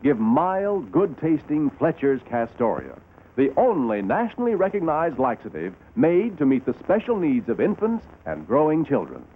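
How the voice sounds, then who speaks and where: Very animated, reassuring male announcer. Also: fairly high pitch, normal speed. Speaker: commercial announcer. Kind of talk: scripted vintage ad narration. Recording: tinny, noisy old commercial soundtrack.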